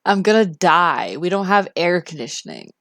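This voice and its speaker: A woman's voice: lowish voice, very animated, normal speed, a bit bright, no echo, studio quality. A Canadian woman live streamer chatting casually with her viewers, often interrupting herself and reacting expressively.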